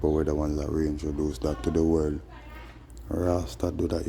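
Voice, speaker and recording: A man speaking in Rastafarian patois, rambling casually in a drawn-out, preachy way with frequent tag phrases. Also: extremely low pitch, noisy background. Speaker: host. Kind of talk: casual rambling vlog monologue in Rastafarian speech.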